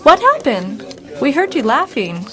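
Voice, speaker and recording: An actress playing a cheerful young woman in a scripted dialogue for English learners, speaking clearly and expressively. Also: sits high, unhurried, heavily acted. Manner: bright, expressive, clearly spoken.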